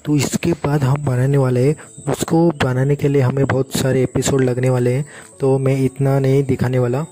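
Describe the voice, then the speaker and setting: A young man chatting casually in commentary over his own building game, reacting loudly when mobs attack. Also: mid-range voice, little pitch movement, normal speed, soft background music. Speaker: gaming YouTuber.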